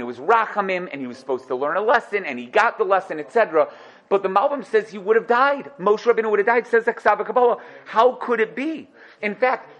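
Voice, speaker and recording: A man with teaching a religious class as a rabbi, emphatic and animated, repeating phrases and posing rhetorical questions. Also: high voice. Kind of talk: animated religious lecture with Hebrew terms.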